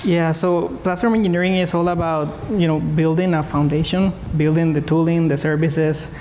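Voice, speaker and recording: A man from Costa Rica on a conference panel, explaining in a relaxed way with frequent "you know". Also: on the high side, moderate pace, a little hiss or hum. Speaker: senior DevOps engineer, panelist. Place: conference stage. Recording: hall reverb with faint ambience.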